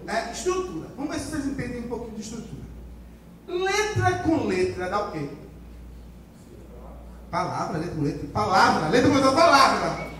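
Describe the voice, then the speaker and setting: A man's voice: sits high, lively intonation, normal speed, pauses often, a bit bright, slight background noise. A Brazilian man teaching a writing class, drilling the students with repetition and call-and-response. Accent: Brazilian Portuguese. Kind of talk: classroom lecture. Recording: echoey classroom from far off.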